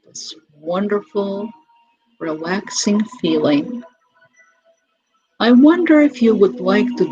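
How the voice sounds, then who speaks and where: Very slow female hypnotist voice, muffled audio. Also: medium pitch, a little mellow. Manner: slow, soothing hypnotist delivery with long pauses and drawn-out repeated words. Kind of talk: guided hypnosis relaxation script. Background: music.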